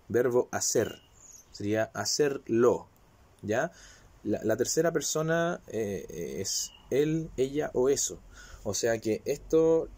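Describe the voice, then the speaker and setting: A man's voice: medium pitch, darkish tone. A man with a slight cold gives a casual video lesson, talking chattily and often checking that his viewers follow along. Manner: chatty, keeps checking in with "¿ya?" and "¿cierto?". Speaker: language teacher.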